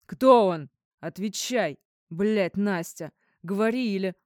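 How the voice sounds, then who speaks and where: A woman's voice: fairly low pitch, normal speed, dark tone, no room sound, studio quality, lightly acted. A woman voicing a drunk, jealous man who barks threats in an audiobook. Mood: jealous rage. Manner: barking, threatening.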